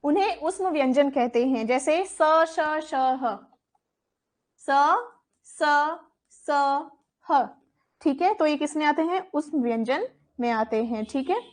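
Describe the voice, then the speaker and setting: A woman with a high voice teaches an exam coaching lesson. She speaks slowly and repeats each term. She asks the class questions and then answers them herself. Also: expressive, a little mellow. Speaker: Hindi teacher.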